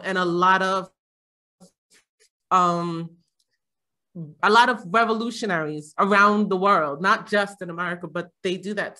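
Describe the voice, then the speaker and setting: A middle-aged Jamaican woman chats casually as a panel guest, rambling along with lots of fillers and laughter. Her medium-pitched voice sounds bright and pushed.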